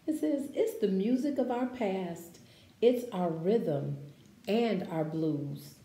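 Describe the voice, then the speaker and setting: With a mid-range voice, a woman reads a children's picture book aloud at story time, taking her time and putting feeling into it. She chats casually and asks the little ones questions, and the recording has echo and faint background noise.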